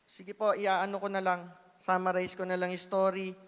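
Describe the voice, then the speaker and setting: A man giving an earnest, emotional sermon testimony, swinging between loud pleading and hushed asides. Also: high voice, monotone, normal speed, clean tone. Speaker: church speaker giving testimony. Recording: reverberant church hall.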